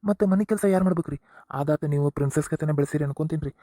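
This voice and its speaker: Rapid-fire exasperated young husband, voiced by an actor. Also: medium pitch, warm tone, no echo, studio quality, faint music behind, lightly acted. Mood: scolding. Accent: North Karnataka Kannada. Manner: scolding, lecturing, fast. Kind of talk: cartoon comedy voice acting.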